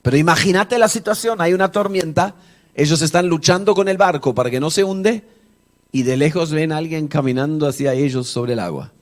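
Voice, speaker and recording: A man's voice: a little high, brisk. A male pastor preaching a sermon in church. He talks in a conversational, joking way and tells the story with animation, acting out the dialogue. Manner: conversational, jokes with the congregation. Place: church service before a congregation.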